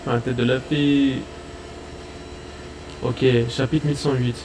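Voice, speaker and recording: A man hosting a reaction video, chatting casually in excitable, slangy banter and repeating his own phrases. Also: mid-range voice, a little slow, noisy background.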